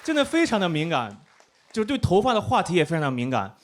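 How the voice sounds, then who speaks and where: A man's voice: high-pitched, huge pitch swings, fast talker, some chatter behind. Self-mocking young man doing stand-up. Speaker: stand-up comedian. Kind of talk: stand-up set on stage. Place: comedy stage with live audience.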